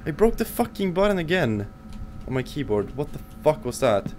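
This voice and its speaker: A man's voice: on the high side, sing-song, moderate pace, a little mellow, slight background noise. A young man reacting to a horror game as a scared, jumpy streamer, yelping and swearing. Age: young adult. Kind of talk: reactive gameplay commentary. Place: small bedroom setup, indoors.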